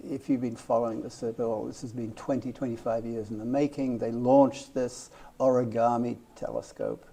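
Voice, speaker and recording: Older man, English accent, rambling, self-deprecating, mellow dark voice. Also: medium pitch, animated, moderate pace, vocal fry. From Wales. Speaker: guest author. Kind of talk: casual interview.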